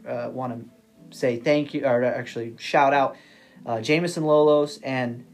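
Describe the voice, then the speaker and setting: A man's voice: medium pitch, steady tone, unhurried, soft background music. A man guesting on a podcast, talking in a rambling, casual way, full of restarts, repeated words and frequent "you know what I mean" tags. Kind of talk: casual interview chat.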